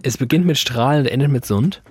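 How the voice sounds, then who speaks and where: A man co-hosts a podcast, teasing his partner in a dry, mock-lecturing way. His voice is slightly husky and sits at a middle pitch. The recording is close and dry. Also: fairly quick, dry recording. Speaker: podcast co-host. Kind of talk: casual banter. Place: podcast studio.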